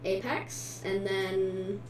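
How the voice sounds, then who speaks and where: A woman's voice: mid-range voice, steady tone, very slow. A woman casually narrating a giveaway video as its host, recorded away from the mic in a room. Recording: echoey room, distant mic, faint noise.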